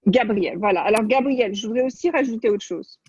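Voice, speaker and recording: A coach leading an online class talks off the cuff to her group, encouraging them and giving directions. Her voice is a little high, a little mellow and slightly rough, and she speaks briskly. The online-call audio is muffled and dull.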